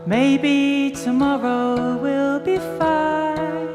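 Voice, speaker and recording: A woman singing a slow folk song in sustained phrases, with guitar behind her. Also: high-pitched, flat delivery. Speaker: folk singer. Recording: live music loud behind.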